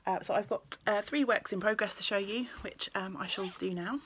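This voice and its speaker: A woman, chatting casually about her knitting in a vlog, rambling along with many ums and quick self-corrections. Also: mid-range voice, a bit bright, slight background noise. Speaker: knitting vlogger and yarn shop owner.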